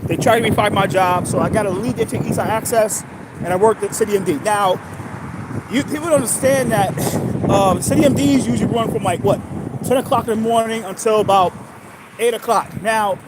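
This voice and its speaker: A man in his thirties from New York, talking in a rambling, halting monologue full of restarts. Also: high-pitched, very noisy. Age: 30s. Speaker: livestream host.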